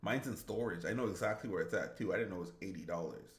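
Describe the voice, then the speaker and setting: A man's voice: low-pitched, quick pace. A man streaming games who chats casually, rambles and reads his viewers' comments aloud. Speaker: gaming streamer. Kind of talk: casual live-stream chat. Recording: roomy echo.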